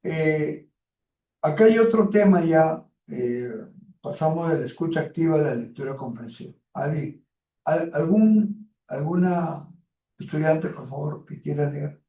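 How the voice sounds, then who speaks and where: A man's voice: on the high side, measured pace, mellow. A male teacher giving a classroom lecture, explaining step by step with frequent hesitant fillers. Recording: roomy echo, far from the mic.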